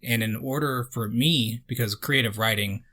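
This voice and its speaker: A man's voice: mid-range voice, moderate pace, pushed and bright. A man in his twenties hosting a casual conversation, easygoing and agreeable as an interviewer. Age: 20s. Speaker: host.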